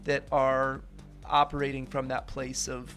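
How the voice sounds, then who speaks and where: A man's voice: mid-range voice, completely flat delivery, measured pace, a bit bright, faint music behind. A man in his thirties, a radio interview guest, speaking earnestly and reflectively with lots of "you know" and "right?". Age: 30s.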